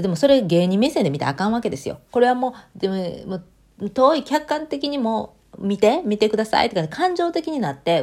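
A woman's voice: on the low side, darkish tone. A woman with a Kansai accent talking casually and chattily to her audience, mixing standard and Kansai speech. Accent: Kansai Japanese. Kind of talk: casual monologue.

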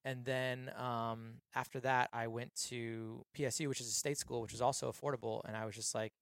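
Animated young man telling stories. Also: medium pitch, creaky, clear, resonant tone, dry recording, clean studio sound. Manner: animated storyteller, quick acted-out quotes. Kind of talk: casual podcast chat.

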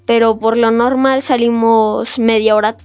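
A woman's voice: fairly high pitch, little pitch movement, a little slow, darkish tone, clear, resonant tone, no room sound. A woman, a scout guest on a radio show, explaining details steadily. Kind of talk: casual radio chat.

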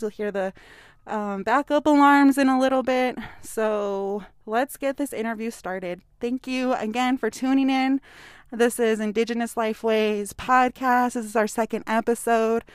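A woman's voice: on the high side, clean tone, no room sound, studio quality. Breathless enthusiastic woman podcast host. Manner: enthusiastic, upbeat. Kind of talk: live on-location podcast intro. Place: outdoors at a community drive-by event.

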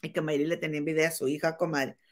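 A woman's voice: low voice, rapid-fire. A woman hosting a casual gossip chat, retelling a quarrel and acting out the quoted insults. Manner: animated storytelling, acts out quoted insults, keeps saying "comadre".

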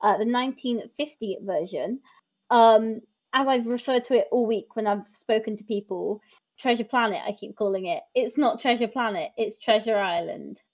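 Chatty young woman, bright high voice. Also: moderate pace. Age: 20s. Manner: chatty, laughs often, trails into fillers. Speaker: podcast host. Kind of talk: casual chat.

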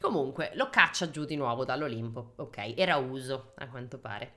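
Woman podcast co-host, low and bright voice, very animated delivery, reads myths and jokes between lines. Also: normal speed. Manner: joking asides, laughs often. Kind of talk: reading myths aloud with casual chat.

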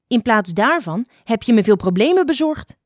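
A woman voicing a blind, sharp-tongued old female fox who scolds impatiently. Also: a little high, very animated, normal speed, dry recording, studio quality. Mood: stern.

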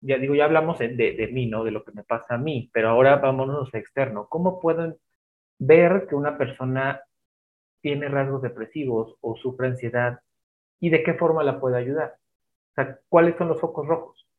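A man's voice: mid-range voice, normal speed. A man hosting an interview, asking questions hesitantly with many restarts. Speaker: interview host. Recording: thin phone-like audio.

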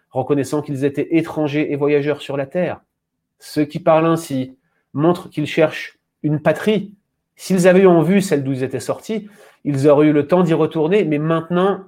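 A man in a webinar who reads a Bible passage aloud and then talks up an upcoming course. He is lively and stops often on fillers. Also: fairly high pitch, normal speed. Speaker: webinar speaker. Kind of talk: Bible reading then promo talk.

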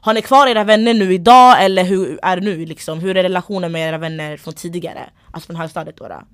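A woman's voice: on the low side, fairly even intonation, dry recording, studio quality. Slangy young woman hosting a chat. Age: young adult. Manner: slangy, mixes English words. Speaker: podcast host. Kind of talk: casual chat.

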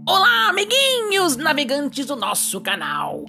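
A woman's voice: sits high, wildly swooping pitch, a little slow, gravelly, pushed and bright, faint music behind, heavily acted. A woman voicing a jolly, friendly pirate character who hosts a children's story podcast in an exaggerated sing-song way. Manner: exaggerated, sing-song, addressing little listeners.

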